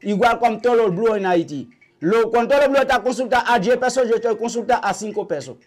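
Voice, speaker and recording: Older Haitian man, high voice. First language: Haitian Creole. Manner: halting, repetitive storytelling. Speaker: vodou priest. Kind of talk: interview. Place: small indoor shrine room.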